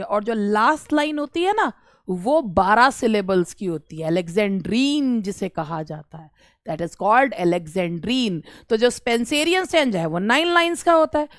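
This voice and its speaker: High-pitched Indian woman tutoring exam prep. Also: dry recording, studio quality. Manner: explains slowly in Hindi mixed with English terms. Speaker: English literature exam tutor. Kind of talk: online exam-prep lesson.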